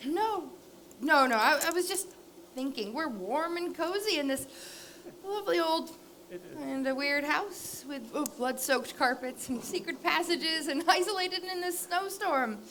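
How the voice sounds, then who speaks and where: A high, jumpy woman's voice, played by an actress on stage, breathless and giggly with nerves. Her pitch leaps up and down as she talks. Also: animated, a little slow, fairly bright tone, a little hiss or hum. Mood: nervous. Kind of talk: stage play acting.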